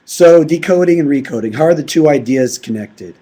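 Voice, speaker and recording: Male presenter, tired strained voice, mellow tone, slightly high, design talk. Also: animated, brisk. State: short of voice, clearing throat. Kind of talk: conference presentation.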